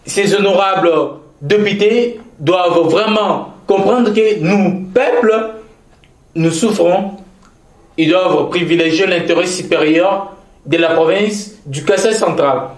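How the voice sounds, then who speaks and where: Speaking slowly in a high-pitched voice, a man from Kasaï-Central, DR Congo, gives an interview on provincial politics. His delivery is formal and earnest, with a Congolese French accent, frequent hesitations and repeated key phrases, captured in an echoey room.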